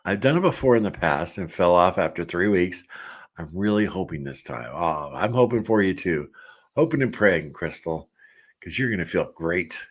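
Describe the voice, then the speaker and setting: A middle-aged man hosting a casual livestream, reading viewer comments aloud and chatting in a relaxed way with frequent laughs. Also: deep voice, moderate pace, husky.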